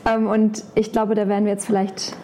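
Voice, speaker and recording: A woman's voice: mid-range voice, little pitch movement, fairly quick, dark tone. A woman chatting casually and playfully as a podcast host. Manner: giggly, playful. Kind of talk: casual chat. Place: holiday apartment by the sea. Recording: clearly noisy location recording.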